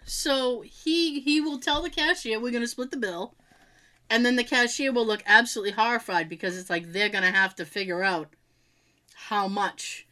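A woman's voice: on the high side, moderate pace. A woman in her forties co-hosting a podcast, chatting casually and telling stories with frequent laughter. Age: 40s. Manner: animated storyteller, laughs often. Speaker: podcast co-host. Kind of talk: casual chat.

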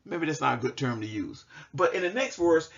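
A man teaching a Sunday School lesson, reading scripture slowly and explaining it verse by verse with frequent restarts. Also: fairly high pitch, big pitch swings, vocal fry, a bit bright, highs cut off.

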